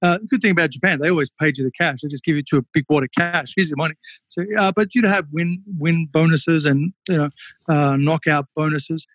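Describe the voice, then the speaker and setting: A man's voice: on the high side, brisk, fairly bright tone, no room sound. A man, a former kickboxer, telling stories in a casual interview, candid and swearing freely with lots of fillers.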